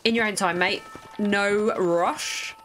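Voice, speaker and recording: A woman's voice: medium pitch, steady tone, slow, fairly bright tone. A woman giving casual gameplay commentary with wry, chatty asides. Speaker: game streamer.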